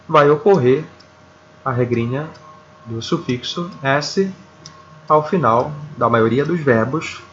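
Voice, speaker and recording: Man, Brazilian accent, teacher, slow careful delivery, slightly muffled recording. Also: mid-range voice, fairly bright tone, a little hiss or hum. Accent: Brazilian Portuguese. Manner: slow, deliberate, repeats words, checks in with "tá?". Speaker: English teacher. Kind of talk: video lesson explaining grammar.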